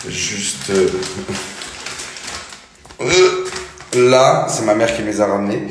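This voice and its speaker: Man in his thirties, slow easy pace, phone at arm's length, bathroom at home, faint hiss. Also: on the low side, very echoey. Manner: relaxed, chatty, slow. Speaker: family vlogger. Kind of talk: casual vlog talk to camera. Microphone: phone camera held at arm's length.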